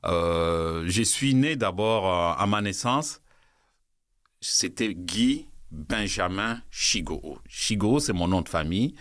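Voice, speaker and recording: Middle-aged guy, very deep voice, slow explaining, lots of uh, dry mic. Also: lively intonation, a bit bright, no echo. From Democratic Republic of the Congo. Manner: measured, explanatory, many hesitations. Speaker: museum director, guest. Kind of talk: interview storytelling.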